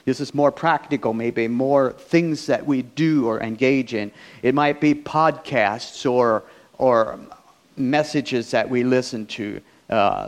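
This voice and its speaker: A man preaching a sermon, first reading scripture aloud in King James wording and then talking it through plainly, often repeating and restarting phrases. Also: medium pitch.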